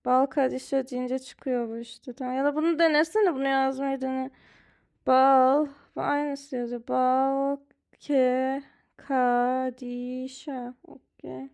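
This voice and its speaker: Lady teacher going over lyrics word by word, high voice, slow and halting, lots of fillers. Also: little pitch movement, gravelly, a little mellow. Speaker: language teacher. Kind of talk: live language lesson translating song lyrics.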